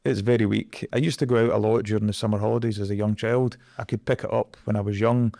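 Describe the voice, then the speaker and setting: A man's voice: fairly low pitch, fairly even intonation, quick pace, vocal fry, dark tone, dry recording, clean studio sound. A Scottish man in his forties, a guest in an interview, talking earnestly and reflectively about his career. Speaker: guest, energy project director. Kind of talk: conversational interview.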